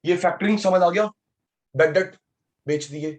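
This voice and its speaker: A man teaching an online exam-prep class as a professor, animated, repeating key terms, mixing in English terms and calling on students by name. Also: high voice, normal speed. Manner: mixes English terms into speech.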